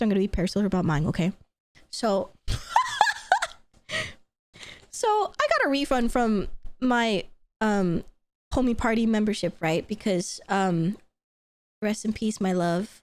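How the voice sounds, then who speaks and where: A woman streamer in casual chat, excitable and gushing, with squealing laughs and free swearing. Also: mid-range voice, dry recording.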